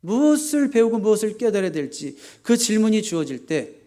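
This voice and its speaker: A male pastor preaching in church, asking the congregation questions and answering them himself, with sharp rises for emphasis. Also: sits high, sing-song, brisk. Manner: emphatic, often rising sharply for stress. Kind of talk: sermon. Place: church sanctuary.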